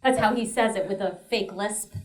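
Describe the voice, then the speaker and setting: A woman's voice: mid-range voice, normal speed, crowd noise. A woman performing a one-woman stage show, chatty and self-mocking, talking straight to the audience. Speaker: comedic performer.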